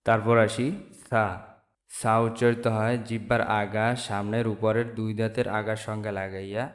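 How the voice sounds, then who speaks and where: A man from Bangladesh teaching the Arabic letters in a slow lesson, saying each sound and repeating it for viewers. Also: fairly low pitch, level tone. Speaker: Quran teacher. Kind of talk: slow step-by-step alphabet lesson.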